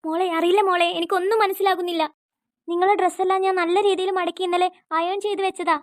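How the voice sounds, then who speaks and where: List: woman doing a worried cartoon mom, rapid anxious talk, flat tune, very high, dry. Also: dry recording. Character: worried caring mother.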